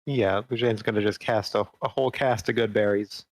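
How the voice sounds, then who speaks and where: A man's voice: fairly low pitch, steady tone, brisk, dry recording. A man playing a tabletop game, laid-back and joking. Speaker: player.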